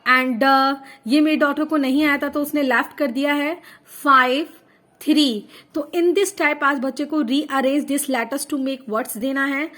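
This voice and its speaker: A woman's voice: high-pitched, a bit bright. A woman in her thirties, a home teacher, patiently walking parents through a child's worksheet and spelling words out letter by letter. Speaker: teacher guiding parents through kindergarten homework. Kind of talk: Hindi-English homework walkthrough.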